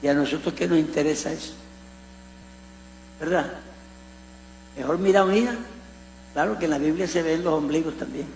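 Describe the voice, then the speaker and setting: High gravelly coastal preacher. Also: male voice, moderate pace, long pauses. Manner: animated storytelling with humorous asides. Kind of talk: conversational sermon teaching. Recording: echoey hall with mains hum.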